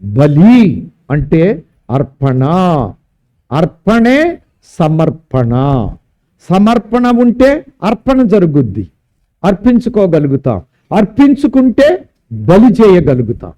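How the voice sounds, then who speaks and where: A man's voice: sits high, sing-song, slow, pauses often, dark tone. A man preaching a sermon at a church service, emphatic and drawing out key words. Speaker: pastor.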